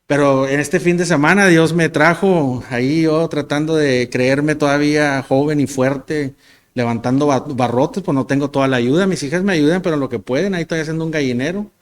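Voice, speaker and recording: A man's voice: on the high side, normal speed. A man in his forties, a pastor, preaching a sermon in a conversational, self-deprecating storytelling manner, often stumbling and repeating words. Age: 40s.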